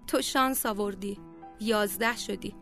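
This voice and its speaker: A woman's voice: mid-range voice, a bit bright, soft background music, voice pushed down, close to an everyday voice. A woman storyteller voicing a strict, indifferent female teacher in a spoken story. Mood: cold. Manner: curt, indifferent.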